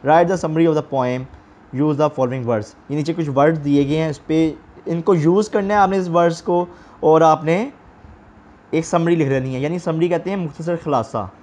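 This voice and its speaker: A man teaching an English lesson, reading exercise lines slowly and explaining them with frequent fillers. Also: on the high side, fairly even intonation, a little mellow.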